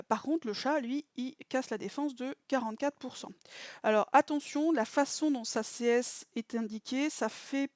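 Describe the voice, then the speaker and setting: A woman's voice: on the high side, a little mellow, no room sound. A woman giving a casual game strategy breakdown. She hesitates now and then to recall details and repeats emphatic warnings.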